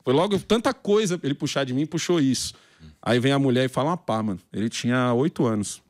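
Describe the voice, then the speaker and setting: A man's voice: mid-range voice, lively intonation, fast talker, a little mellow, no room sound, clean studio sound. A man from Brazil, a podcast guest, telling slangy stories in casual chat and acting out the voices of people he quotes.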